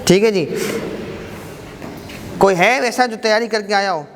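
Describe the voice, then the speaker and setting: Encouraging male teacher in an echoey mosque hall. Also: high voice. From Pakistan. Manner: encouraging, brisk questioning of students. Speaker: Arabic teacher. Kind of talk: classroom quiz lesson. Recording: echoey hall with background noise.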